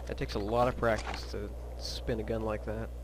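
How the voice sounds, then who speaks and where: A man's voice: on the low side, flat delivery, normal speed, background noise. A man giving casual, blunt and sweary gameplay commentary as a let's play host. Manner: blunt, griping, profane.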